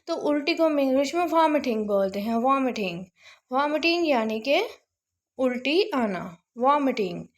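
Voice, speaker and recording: Woman teacher, high-pitched, slow drawn-out word drills. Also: animated. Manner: repeats each word slowly, drawing out pronunciation. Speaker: English vocabulary teacher. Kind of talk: casual spoken vocabulary lesson.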